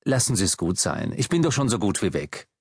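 A man's voice: lowish voice, big pitch swings, fairly quick, creaky, husky, no echo, studio quality, pitched below the performer's own voice, heavily acted. A man reading an audiobook, voicing a desperate middle-aged man who pleads and then hurls insults in a raised voice. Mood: pleading.

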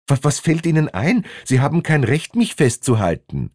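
A man's voice: mid-range voice, lively intonation, a little slow, darkish tone, no room sound, clean studio sound, pitched above the performer's own voice. A man voicing a nervous father caught without a ticket, who stammers and bluffs indignantly. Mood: flustered.

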